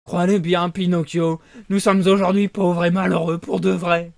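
Vieux renard mendiant, voix d'homme, geignard, lent, assez haut. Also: male voice, high-pitched, flat delivery, normal speed, vocal fry, pitched above the performer's own voice. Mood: pleurnichard.

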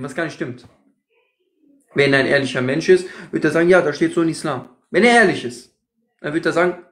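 A man's voice: a little high, reverberant. A man hosting a heated debate livestream, scolding and repeating his accusations in a combative way. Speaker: livestream host.

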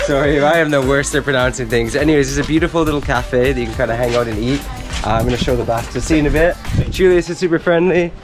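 A man's voice: medium pitch, quick pace, music in the background. A man in his thirties, chatty and upbeat, narrating a travel vlog outdoors with a handheld camera at arm's length. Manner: upbeat, chatty, laughs often. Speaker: travel vlogger. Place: outdoors at a beach cafe and beach.

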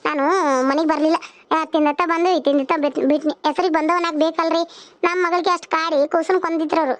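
A woman's voice: extremely high pitch, little pitch movement, fast, no room sound. A woman with a North Karnataka Kannada accent, voicing several village women in a cartoon serial with rustic, chatty dialogue. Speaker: narrator voicing all characters.

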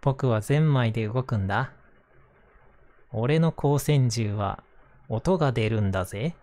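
A man's voice: mid-range voice, unhurried, mellow, natural voice. Man voicing boastful, teasing little toys. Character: boastful, teasing toys showing off in a toy shop.

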